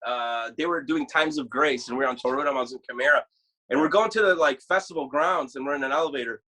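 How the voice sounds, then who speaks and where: Bright-voiced man with a Chicago-Polish accent. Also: medium pitch, quick pace. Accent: Chicago with a Polish tinge. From Poland. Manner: animated storyteller who acts out quotes. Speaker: guest guitarist. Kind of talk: casual interview chat.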